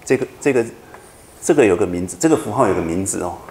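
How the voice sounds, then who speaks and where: A man's voice: on the low side, expressive, fast talker, darkish tone, echoey room, slight background noise. A man lecturing a university class, explaining patiently and often checking whether students follow. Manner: patient, repetitive explaining with frequent checking questions.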